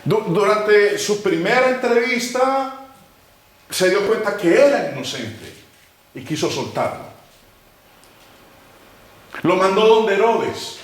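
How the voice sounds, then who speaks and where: A man preaching a sermon, swinging between loud emphatic lines and low hushed phrases. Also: lively intonation, slow, pauses often. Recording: very echoey room with faint noise.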